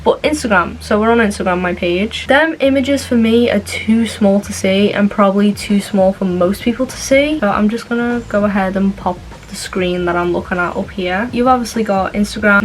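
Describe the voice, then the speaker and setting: A woman's voice: mid-range voice, a little hiss or hum, poor audio. A young woman giving a casual tutorial in an informal, chatty way, with asides. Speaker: vlogger. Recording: music playing behind the voice. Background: background music.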